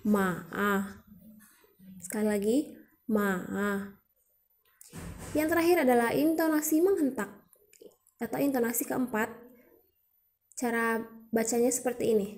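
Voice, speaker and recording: A woman's voice: fairly high pitch, a little fast, long pauses, darkish tone. A young woman presenting a student educational video, explaining patiently step by step and demonstrating sounds aloud.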